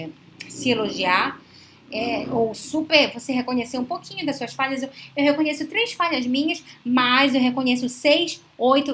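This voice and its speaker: A woman's voice: sits high, a bit bright, slight background noise. A middle-aged Brazilian woman psychologist giving relationship advice on a live stream, teaching in a didactic way, often checking in with tag questions and acting out quoted lines from couples. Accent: Brazilian Portuguese. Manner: acts out quoted speech of couples.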